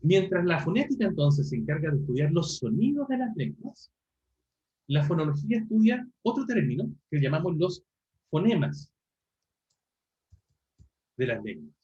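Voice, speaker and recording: A man teaches a university class online, his pitch a little high and very animated. He keeps checking in with the students and corrects himself as he goes. The audio is muffled and lo-fi, like a video call. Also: moderate pace, pauses often. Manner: explanatory, frequent tag questions and self-corrections. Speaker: university lecturer. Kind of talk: online linguistics lecture.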